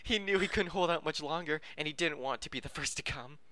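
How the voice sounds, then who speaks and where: A man with a fairly high, fast, bright and forceful voice reads a story aloud like an amateur podcast host. He keeps breaking off to laugh, crack jokes and fix his own misreadings.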